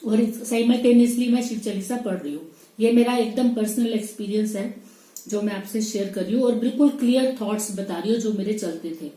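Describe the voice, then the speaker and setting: A woman's voice: medium pitch, brisk, dark tone, reverberant, poor audio. A middle-aged woman telling a personal story in casual, chatty storytelling, often voicing her own inner thoughts. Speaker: vlogger.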